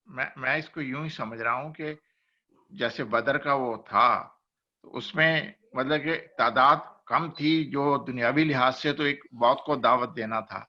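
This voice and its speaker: A man's voice: mid-range voice, sharp tone. A man in a literary discussion, thinking aloud and hesitating. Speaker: discussion participant. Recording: dull lo-fi recording.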